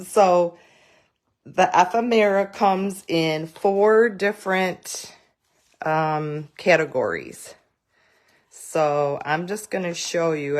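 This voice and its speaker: A woman giving a live craft demonstration, chatty and rambling, greeting viewers by name as she goes. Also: deep voice. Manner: rambling with many fillers and restarts.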